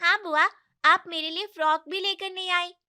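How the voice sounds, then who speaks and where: A woman voicing two young children, a boy and a girl, who plead in a childish, whining way in an animated story. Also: very high voice, normal speed, exaggerated voice. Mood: whiny.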